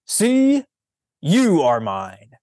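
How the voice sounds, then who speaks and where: Storybook figure: a greedy, commanding man, put on by a male reader, loud, slow, dry mic. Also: mid-range voice, lively intonation, breathy edge, no echo. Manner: bossy, loud and commanding, stretched slow words. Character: boastful, possessive grown man claiming everything.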